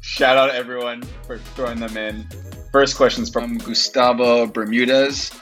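A man's voice: medium pitch, little pitch movement, measured pace, fairly bright tone, faint music behind. A man working as a podcast producer, casually introducing and reading out listener questions.

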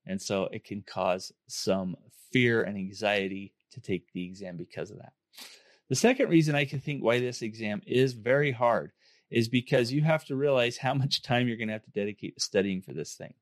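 A man with a hoarse, under-the-weather voice, hosting a podcast in an informal, upbeat way. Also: fairly low pitch, moderate pace, dry recording, clean studio sound. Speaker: podcast host. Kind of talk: casual podcast talk to listeners.

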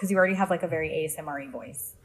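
Nasal-sounding woman guest, laughing often. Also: sits low. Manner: quick to laugh, playful. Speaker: podcast guest. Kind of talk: casual chat.

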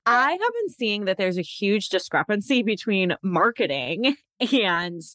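A woman's voice: medium pitch, very animated, measured pace, fairly bright tone, no echo, studio quality. An American woman hosting a casual interview, talking informally and affirming what her guest says. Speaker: interviewer, host.

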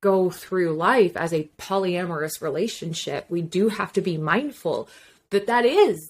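A woman's voice: on the low side, unhurried. A woman co-hosting a podcast in casual chat, frank and emphatic, swearing and laughing easily. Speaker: podcast co-host.

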